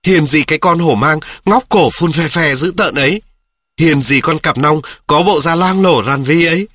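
A man's voice: fairly high pitch, lively intonation, sharp tone, no room sound, studio quality, voice pushed up. Man doing a hot-headed, argumentative schoolboy. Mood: heated, scornful. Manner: quick, heated, insistent. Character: feisty schoolboy arguing hotly with his friend.

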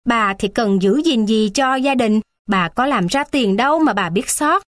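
A woman's voice: fairly high pitch, animated, measured pace, dry recording, clean studio sound. A woman voicing a harsh middle-aged father who snaps short, scornful retorts. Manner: curt, scolding.

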